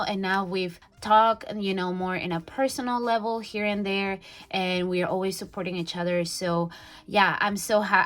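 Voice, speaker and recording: A woman's voice: mid-range voice, a bit bright. Bubbly young woman vlogger. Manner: bubbly, gushing, many fillers and restarts. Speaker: budgeting vlogger. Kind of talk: casual unboxing chat.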